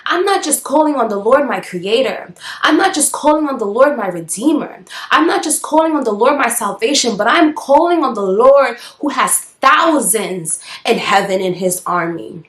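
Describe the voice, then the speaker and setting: A woman preaching with emphatic, repeated declarations, her voice sitting somewhat high. The sound is echoey, as if in a bare room. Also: expressive, normal speed, few pauses. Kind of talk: devotional preaching.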